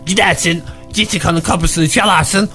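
A man voicing a cheeky, blunt young male sidekick who teases and cheers in a shouty way. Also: sits high, steady tone, unhurried. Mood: mocking. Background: background music.

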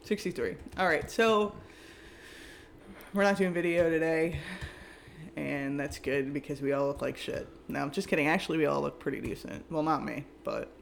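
A man's voice: a little high, normal speed, vocal fry, a bit bright, a little hiss or hum. Rambling joking podcast co-host man. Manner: rambling, joking, swears freely. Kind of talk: casual chat.

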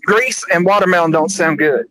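A man's voice: a little high, pushed and bright, rough recording. A man co-hosting a casual podcast chat, calling in over a phone on speakerphone and talking loosely and casually. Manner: quick, loose and casual, with slangy talk. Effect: heard over a phone on speakerphone. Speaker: podcast co-host.

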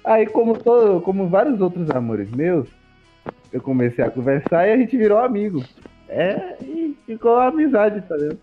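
A man with a Brazilian accent in a casual chat, relaxed and slangy. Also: high voice, moderate pace. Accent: Brazilian Portuguese. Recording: dull lo-fi sound with faint music.

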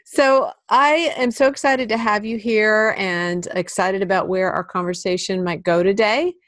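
A woman's voice: mid-range voice, steady tone, a little slow, fairly bright tone, dry recording. Earnest woman podcast host, dry close mic. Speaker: podcast host, life coach. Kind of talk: podcast hosting.

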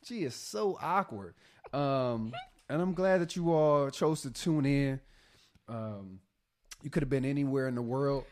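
A man's voice: medium pitch, a little slow, a little mellow. A man co-hosting a marriage podcast in casual chat, playful and hyping up his listeners. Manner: hyped, playful, hypes up the audience. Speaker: podcast co-host.

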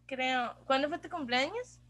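Chatty Costa Rican woman storyteller, high voice. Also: animated, measured pace, fairly bright tone. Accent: Costa Rican Spanish. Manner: chatty storyteller mixing in English phrases and slang. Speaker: podcast co-host. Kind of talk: casual chat.

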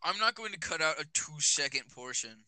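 Bright-voiced teen guy rambling. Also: fairly high pitch, lively intonation, fairly quick, poor audio. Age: teens. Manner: rambling, many fillers. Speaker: podcast host. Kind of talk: casual chat. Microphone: phone.

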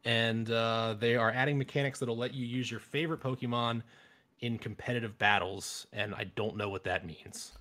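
A man's voice: medium pitch, steady tone, moderate pace, sharp tone. A man in his thirties hosting a casual gaming chat, blunt and opinionated, rambling with restarts. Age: 30s. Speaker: podcast host.

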